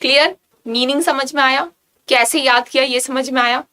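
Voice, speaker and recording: A woman's voice: high-pitched, fairly even intonation, moderate pace, sharp tone. A woman teaching an exam-prep vocabulary lesson, repeating words and often checking that students follow. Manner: repetitive, checks understanding with "clear?".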